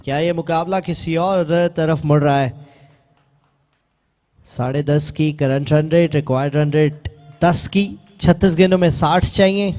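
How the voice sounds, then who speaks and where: A man giving excited live cricket commentary as a match commentator. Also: on the high side, a little slow, soft background music.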